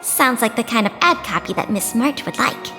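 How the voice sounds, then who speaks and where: High, animated courteous game receptionist, sales-pitch delivery. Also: female voice, brisk, big-room sound, faint music behind. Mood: polite, upbeat. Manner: promotional, polite. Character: polite, chirpy young hotel receptionist. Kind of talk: video game voice acting.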